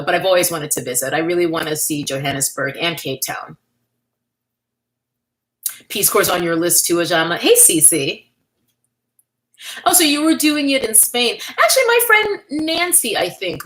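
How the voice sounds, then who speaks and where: On poor audio, this New York livestream host speaks in a lowish, slightly bright voice. She keeps things casual and candid, reading out comments and naming the viewers she thanks.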